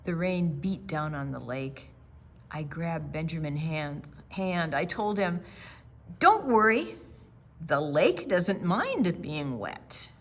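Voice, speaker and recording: Here an older woman leads storytime, reading a picture book to children with theatrical, carefully paced phrasing broken by quiet side remarks. Her voice sits low and has a sing-song lilt.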